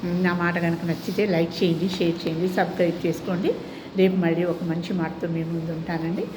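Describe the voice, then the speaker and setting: A woman's voice: on the low side, level tone, a little fast, noisy background. A middle-aged woman talking casually to her viewers, explaining things politely and often mimicking how other people talk. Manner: polite, adds respectful 'andi' to many sentences. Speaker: vlogger.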